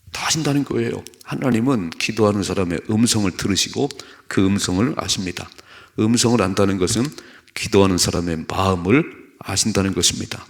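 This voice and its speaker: A man's voice: lowish voice, creaky. A man, a pastor, preaching an earnest sermon at a dawn prayer service in a church. He repeats key phrases and asks the congregation to respond.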